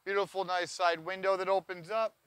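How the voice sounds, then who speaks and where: A trailer reviewer in his forties gives an enthusiastic walkaround tour of a camping trailer, pointing things out as he moves inside and around a cargo trailer on an outdoor lot. His high voice is flat in delivery, a little fast, and a bit bright, with a clear, resonant tone. The lapel-mic recording has no echo.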